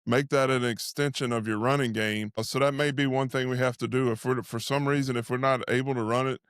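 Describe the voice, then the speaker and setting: Man, casual football analysis, partisan fan-host, fairly flat intonation, dry close sound. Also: mid-range voice, fairly quick, clean tone, no room sound. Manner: speaks as an invested fan, saying "we". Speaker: sports show host and analyst. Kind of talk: casual halftime football commentary.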